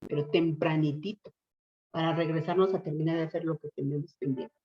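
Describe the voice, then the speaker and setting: A woman's voice: sits low, steady tone, fairly quick. A middle-aged woman pastor telling an emotional testimony in a sermon, earnest and heartfelt. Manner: earnest, emotional storytelling with acted quotes. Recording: muffled lo-fi church recording.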